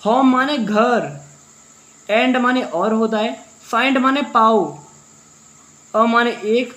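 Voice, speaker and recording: A man teaching as a teacher, translating a story word by word, talking fast and answering his own questions. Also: very high voice, fairly bright tone. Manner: fast-talking, brisk and drilling.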